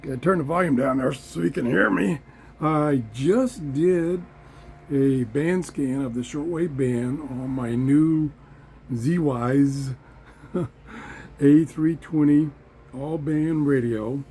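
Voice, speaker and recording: A man giving a casual hands-on radio demonstration, halting and thinking aloud as he goes, in a room at home. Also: fairly high pitch, a little mellow. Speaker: host of a radio review channel. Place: small indoor garden room at home. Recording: clear background noise, radio static.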